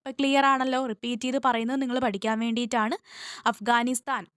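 A woman's voice: on the high side, steady tone, fast, fairly bright tone, no echo, studio quality. Woman drilling exam facts. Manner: repetitive, drills facts, asks and answers her own questions. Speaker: exam coaching teacher. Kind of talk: exam-prep lesson.

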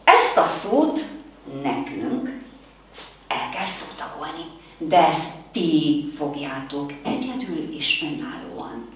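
A woman teaching first graders in a remote lesson, speaking slowly and encouragingly, praising the children often. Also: low voice, big pitch swings. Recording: very echoey room, voice far from the mic, faint noise.

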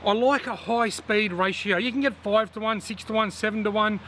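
A man in his thirties with an Australian accent, chatting casually to camera on a riverbank about his fishing gear in a relaxed, plain-spoken way. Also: high-pitched, moderate pace, a little hiss or hum. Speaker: fishing vlogger. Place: outdoors on a riverbank. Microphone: camera on a tripod at chest framing.

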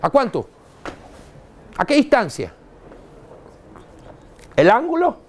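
A man's voice: extremely high pitch, huge pitch swings, takes it slowly. A man with a Venezuelan accent giving a live dental lecture, blunt and slangy, quizzing the audience. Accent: Venezuelan Spanish. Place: university lecture hall.

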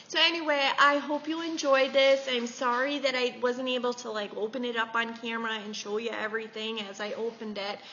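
A woman's voice: fairly high pitch, bright, forceful tone. A woman, chatting and giggling as she gushes over gifts in a vlog. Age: 40s. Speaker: beauty vlogger. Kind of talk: casual chat showing gifts. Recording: echoey, slightly dull with faint hiss.

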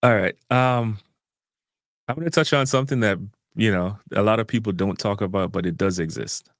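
A man's voice: fairly low pitch, moderate pace, dry recording, studio quality. A Jamaican man with a Jamaican accent, earnestly explaining in a casual interview. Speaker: guest language educator.

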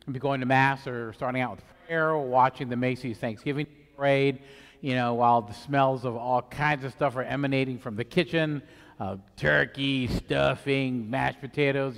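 A middle-aged man speaks as a priest at a church service. His voice sits in a medium register and rings with a long cathedral echo. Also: medium pitch. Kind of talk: gospel reading and homily. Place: inside a church. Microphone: headset microphone. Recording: long echoing church reverb.

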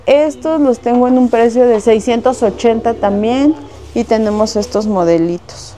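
A woman's voice: a little high, moderate pace, warm tone. A Mexican woman working in a shop, showing goods and listing wholesale prices in a casual way, with lots of little diminutives. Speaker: shop saleswoman. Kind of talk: casual product showcase. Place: shop indoors.

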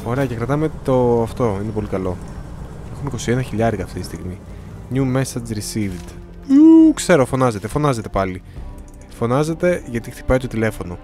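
A man's voice: medium pitch, expressive, darkish tone, soft background music. A young man giving casual gameplay commentary, chatty and often reading the game's dialogue aloud in changing voices. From Greece. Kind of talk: casual let's-play commentary.

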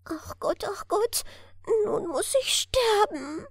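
A woman's voice: animated, slow pace, no room sound, studio quality, heavily acted. A woman voicing a small frightened young female fir elf who sobs and pleads in a storybook. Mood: wailing. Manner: high, sobbing, pleading.

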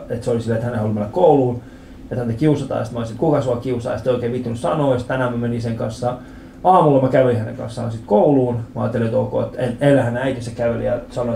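A man in his thirties doing a stand-up comedy set in a club, telling stories with animated acted-out voices and lots of swearing. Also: mid-range voice, creaky, a little hiss or hum. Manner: animated storytelling, acts out quoted voices, swears freely. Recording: roomy club with audience laughter.

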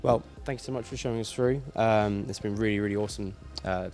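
A man's voice: fairly low pitch, steady tone, quick pace, darkish tone, soft background music. A man interviewing a guest, upbeat and enthusiastic in his questions and thanks.

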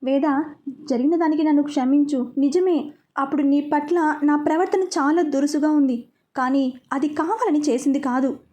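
Storybook young husband, firm and pleading, high soft mellow voice, a woman reading him. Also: steady tone, moderate pace, close to an everyday voice. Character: young man, stubborn but caring husband.

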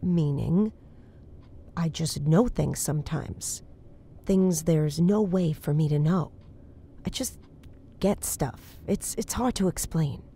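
A voice actress with a deep, dark, breathy voice gives a full character performance as an earnest, uneasy psychic in a horror audio drama. She sounds concerned, and her delivery is hesitant, halting and naturalistic.

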